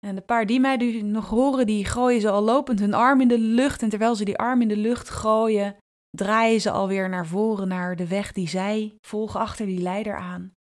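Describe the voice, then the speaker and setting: Woman, podcast host, personal storytelling, intimate, vivid, drawn-out phrases, soft asides. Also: mid-range voice, steady tone. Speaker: podcast host and brand strategist.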